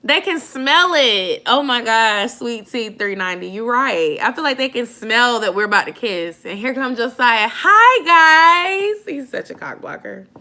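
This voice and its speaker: Speaking unhurriedly and with hardly any pauses, this slightly high-voiced woman in her late twenties hosts a relaxed live chat from home. She reads viewers' comments aloud, responds in slangy, animated fashion, and laughs a lot.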